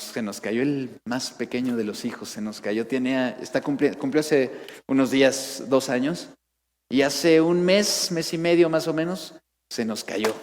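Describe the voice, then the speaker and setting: Preacher in an echoing church. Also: male voice, medium pitch, darkish tone. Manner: emotional storytelling, many restarts. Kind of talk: sermon. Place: church sanctuary. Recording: reverberant church hall.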